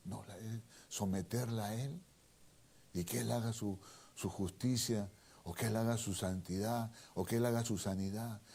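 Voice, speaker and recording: A man preaching a sermon and reading a Bible passage aloud, with emphatic repetition that moves between hushed asides and loud stressed lines. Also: medium pitch, husky. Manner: reads the Bible aloud slowly and dramatically.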